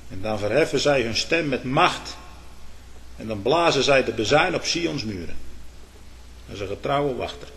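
A man's voice: lively intonation, moderate pace, pauses often. A man preaching a sermon, swelling emphatically on key words and turning to his listeners with short asides. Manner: emphatic preaching with sudden swells in loudness and pitch; addresses listeners with "hoor" and "hm?".

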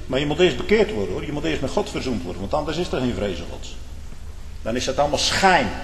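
A man's voice: medium pitch, big pitch swings, quick pace, a little hiss or hum. Fiery preacher man in an echoing hall. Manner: thundering, rising to loud scolding bursts, rhetorical "hè?" asides. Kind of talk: fiery sermon. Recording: echoey hall with long reverb.

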